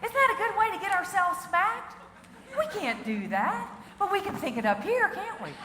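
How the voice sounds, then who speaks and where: In a large, echoey conference hall with faint noise, a middle-aged woman gives a stand-up style comic keynote. Her voice is extremely high and her speed normal as she chats animatedly, quizzes the audience, and laughs at her own jokes.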